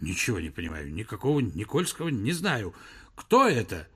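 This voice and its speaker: A man's voice: on the low side, wildly swooping pitch, normal speed, sharp tone, husky, heavily acted. A man voicing an irritable, fussy older male professor who talks in a testy, heated way. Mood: irritated.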